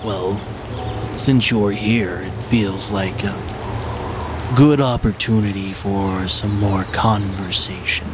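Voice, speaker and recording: A man voicing a large, ancient red dragon in a tabletop game, calm and cryptic, with a measured, ominous dragon voice. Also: lowish voice. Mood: probing, ominous. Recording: clear rain noise behind.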